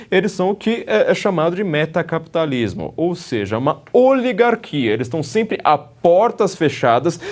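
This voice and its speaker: Man, Brazilian Portuguese accent, political commentator, sarcastic, fairly high-pitched. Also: darkish tone. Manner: sarcastic, mocking quotes, frequent "né" tags. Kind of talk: opinionated panel commentary.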